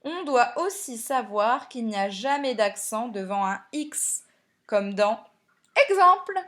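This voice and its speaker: A woman teacher giving a recorded spelling lesson to primary pupils, explaining slowly and clearly and speaking to them directly. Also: a little high.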